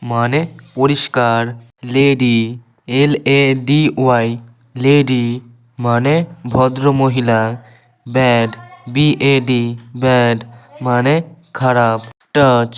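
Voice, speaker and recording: A man teaching a vocabulary lesson, reading a word list and spelling each word out letter by letter in an even, measured way. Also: mid-range voice, smooth. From Bengal. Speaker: English teacher.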